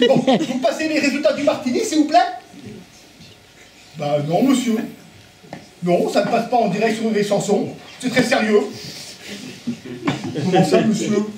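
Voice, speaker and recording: A man's voice: extremely high pitch, expressive, measured pace, long pauses, a little mellow. An actor playing a boastful man who fakes a pompous doctor on a phone call, in an amateur stage play. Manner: pompous and self-important. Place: theatre stage. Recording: echoey hall from far off.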